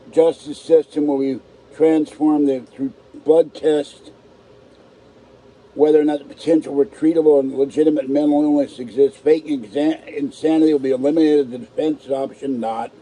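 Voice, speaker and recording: A man's voice: on the high side, steady tone, moderate pace, mellow, poor audio. A man with a natural lisp and no upper teeth, his tongue hitting the roof of his mouth, talking bluntly and casually on a live stream. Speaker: livestream host. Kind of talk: casual live stream chat, reading aloud and commenting.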